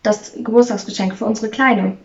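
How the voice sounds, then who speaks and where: Lady doing a crazed wife with an axe, shrill and taunting, kinda muffled sound. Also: moderate pace, lightly acted. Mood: chirpy. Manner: shrill, excitable and mocking. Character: manic wife smashing furniture with an axe. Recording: slightly distant, muffled recording.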